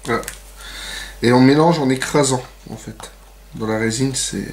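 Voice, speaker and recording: In this nail art demonstration, a man speaks at a moderate pace in a mid-range voice, keeping things casual and chatty. He leans heavily on fillers like "donc" and slips in playful jokes at his own expense.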